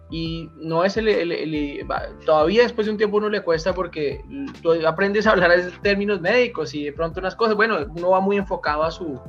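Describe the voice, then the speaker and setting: A man's voice: fairly high pitch, a bit bright. A Colombian man, a doctor, talking casually in an interview, rambling with many restarts and asides. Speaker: guest doctor. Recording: slightly dull audio with faint music.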